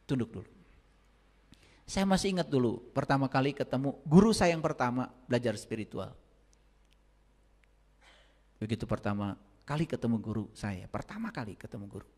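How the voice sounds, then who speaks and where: A male spiritual teacher giving a sermon, telling stories and moving from quiet asides to loud, emphatic points. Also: medium pitch, expressive, normal speed, pauses often. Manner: storytelling, swings from quiet asides to emphatic raised lines. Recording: long reverb, speaker set back from the mic.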